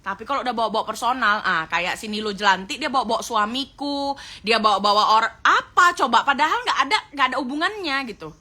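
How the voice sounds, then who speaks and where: A woman on a casual live stream who reads viewer comments and argues forcefully and outspokenly. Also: a little high, animated, quick pace, few pauses. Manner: forceful, outspoken, swings between loud ranting and quiet comment reading.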